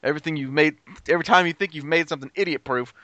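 A man's voice: a little high, rapid-fire, sharp tone, no echo, lo-fi sound. A man as a guest on a casual podcast chat, blunt and swearing freely.

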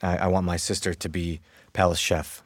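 An actor from the United States playing an easygoing, awkward young American commoner who stammers and hesitates. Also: male voice, low voice, flat delivery, moderate pace, no echo, studio quality. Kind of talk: audio drama acting.

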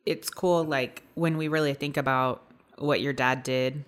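A woman's voice: extremely low pitch, steady tone, measured pace. Casual woman podcast host, candid. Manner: candid, casual, swears freely. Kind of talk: casual conversation.

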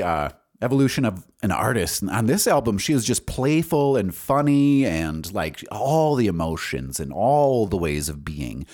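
A man in his forties with a deep, darkish voice hosts a podcast as a loose, unscripted solo monologue. Casual and candid, he rambles with a salty tongue while his pitch moves around a lot.

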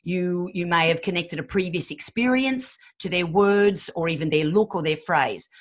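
A woman's voice: lowish voice, normal speed. A woman in her fifties, a podcast guest giving relationship advice and acting out quoted voices. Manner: acts out quoted voices, emphatic.

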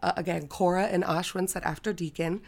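A woman co-hosts a book podcast in a casual, hesitant, conversational style. Her voice sits fairly low and is full of gravelly vocal fry. A recent cold leaves her throat audibly scratchy. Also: steady tone, brisk, a little mellow. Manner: hesitant, conversational, with frequent "like" and "kind of". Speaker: podcast co-host.

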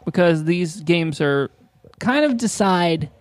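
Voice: medium pitch, animated, slow pace, dry recording. A host leading a casual chat in an easygoing, rambling way, often hesitating.

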